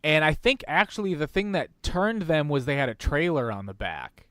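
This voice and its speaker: A man's voice: a little high, expressive, normal speed, a bit bright, clean tone, dry recording, studio quality. A man chatting casually as a podcast co-host, laid-back, slangy and often hedging. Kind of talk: casual chat.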